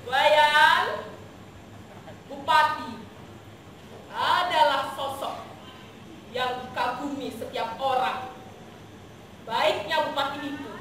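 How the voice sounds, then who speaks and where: A young female student actor playing an insistent, sceptical village wife in a stage play, declaiming in drawn-out phrases. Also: high voice, a bit bright. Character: insistent, sceptical married village woman petitioner. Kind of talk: amateur stage acting. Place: theatre stage, mic on stand. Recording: noisy, echoing stage, distant microphone.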